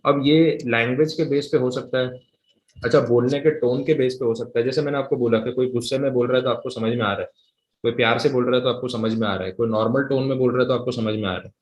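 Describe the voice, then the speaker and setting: A man teaching a live class, explaining at a casual pace and slowly dictating definitions word by word. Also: mid-range voice, fairly even intonation, a little mellow, reverberant, rough recording. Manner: switches between conversational talk and English reading.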